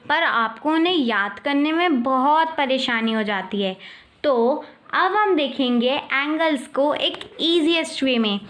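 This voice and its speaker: A young woman explaining maths in a friendly, playful way, reading definitions slowly. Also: sits high, bright, forceful tone. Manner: friendly and playful, slow careful English definitions. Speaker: maths teacher. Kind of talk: chatty classroom explanation.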